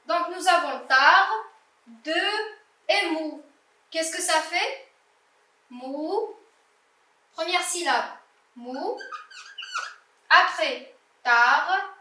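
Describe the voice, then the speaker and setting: A woman's voice: very high voice, drawn-out words, long pauses, sharp tone, reverberant, far from the mic, slight background noise. A young woman teacher correcting a primary-school reading exercise, patiently spelling out words letter by letter. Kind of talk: slow classroom exercise correction.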